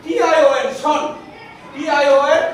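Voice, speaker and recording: A man's voice: very high-pitched, steady tone, unhurried, some chatter behind. A man teaching a class, asking questions and having the students repeat answers back. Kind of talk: classroom teaching, call and response. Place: large echoey classroom. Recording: echoey room, distant mic, noisy.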